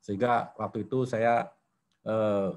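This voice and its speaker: A man's voice: fairly low pitch, steady tone, a little slow, a little mellow. Older man telling his faith testimony. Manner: storytelling, often addressing listeners as brothers and sisters.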